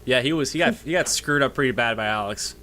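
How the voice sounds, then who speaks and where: A man narrating as game master of a tabletop game, halting and full of fillers. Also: medium pitch, pushed and bright, slight background noise. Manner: halting, many fillers and restarts.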